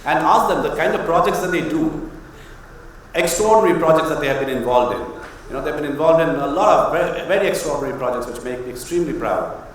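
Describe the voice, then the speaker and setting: A man's voice: a little high, quick pace, far from the mic. A man moderating an open-house question session, conversational and rhetorical, who puts questions to the audience. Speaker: faculty moderator. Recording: echoey hall, off-mic, faint noise.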